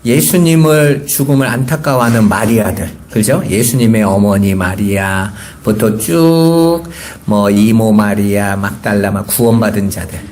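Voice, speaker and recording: A man's voice: fairly low pitch, unhurried, darkish tone. A pastor in his forties preaching a Sunday sermon, asking rhetorical questions and rising to emphatic points.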